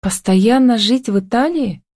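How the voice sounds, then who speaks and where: Woman reading as a lively young heroine in love. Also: fairly high pitch, unhurried, no echo, clean studio sound, voice pushed up.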